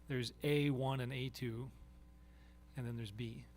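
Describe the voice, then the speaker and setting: Brisk male meeting chair. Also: mid-range voice, fairly even intonation, a little mellow, slight background noise. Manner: brisk, pragmatic, steering the discussion. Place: council meeting room.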